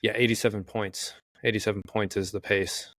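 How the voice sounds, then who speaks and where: A man's voice: on the low side, no room sound. Wry, teasing male podcast co-host. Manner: wry, teasing, quick deadpan asides. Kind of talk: casual sports chat.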